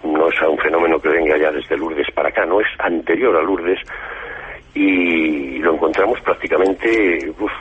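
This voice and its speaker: Deep raspy man, radio guest, measured telling, lo-fi phone-like line. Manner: slow, measured recounting with hesitations. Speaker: guest author on apparitions. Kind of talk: radio interview, storytelling.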